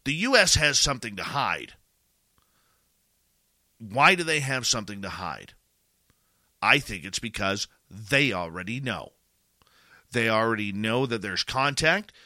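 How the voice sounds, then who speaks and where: Male Canadian commentator, very bright forceful tone, emphatic and rhetorical, captured close and dry. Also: fairly low pitch, expressive, dry recording. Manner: emphatic, rhetorical questions, deliberate pauses. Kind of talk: opinion commentary to audience.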